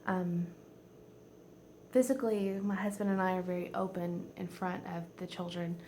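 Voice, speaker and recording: A woman in her forties, a home vlogger chatting casually, rambling and heartfelt and teary, often dropping to a soft near-whisper. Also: lowish voice, fairly even intonation, moderate pace, slight background noise. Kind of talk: casual chat.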